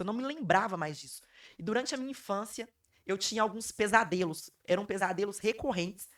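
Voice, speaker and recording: A hoarse woman, a podcast guest telling her life story in an emphatic way and repeating phrases for weight. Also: mid-range voice, recorded from a distance. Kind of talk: emotional personal storytelling.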